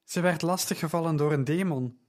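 A man voicing a blunt, resolute male apostle who speaks in a measured, no-nonsense way in a storybook reading. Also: fairly high pitch, close to an everyday voice.

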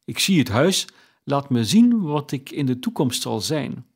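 A man voicing an old miserly man, now anxious and pleading, in a slow audiobook reading. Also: mid-range voice, big pitch swings, husky, full character voice. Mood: urgent, pleading.

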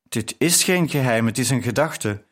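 A man reading the lines of a spirited young woman writer with quick, indignant retorts. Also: mid-range voice, expressive, natural voice.

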